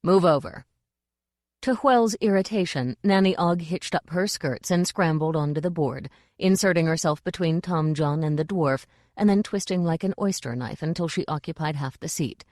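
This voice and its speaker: A woman reading a novel aloud as narrator, in a steady, measured way. Her voice is low and the recording is close and dry. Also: no echo. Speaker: audiobook narrator. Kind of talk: scripted narration.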